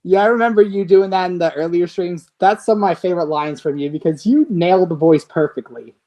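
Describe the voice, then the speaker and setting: Streamer, host, casual livestream chat, enthusiastic, rambling, mid pitch. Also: fairly quick, dark tone, rough recording.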